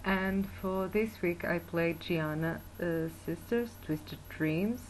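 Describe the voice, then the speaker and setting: A Portuguese woman who teaches English and German gives a spoken video review, speaking slowly in a lowish voice with many fillers and restarts. She's recorded on a built-in webcam mic, so the quality is low, with slight background noise.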